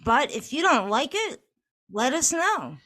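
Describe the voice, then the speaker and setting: Steady, organized podcast co-host woman. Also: sits high, a little slow. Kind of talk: casual podcast chat.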